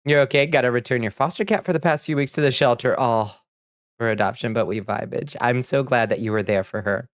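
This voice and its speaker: A game streamer reads viewer messages aloud and chats in a rambling, easygoing way, laughing often and a little sniffly. He talks fairly quickly at a medium pitch, and the studio-quality recording has no echo.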